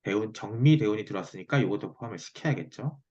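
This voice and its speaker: A man's voice: fairly low pitch, fast, mellow, husky. A man explaining a lesson as a teacher on a video call, often checking that the listener follows. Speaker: fortune-telling teacher giving a lesson. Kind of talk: explanatory one-on-one online lesson. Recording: dull lo-fi video call audio.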